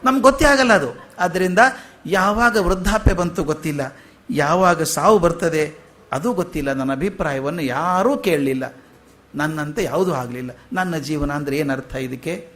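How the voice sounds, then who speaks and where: A man with a fairly high voice delivers a spiritual discourse. He talks to his listeners in a lively, storytelling way, asking rhetorical questions and slipping in humorous asides. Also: moderate pace. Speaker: spiritual lecturer. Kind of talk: philosophical discourse to an audience.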